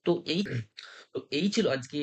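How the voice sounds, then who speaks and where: A man teaching English pronunciation, explaining step by step and asking rhetorical questions as he goes. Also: normal speed. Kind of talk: spoken English lesson.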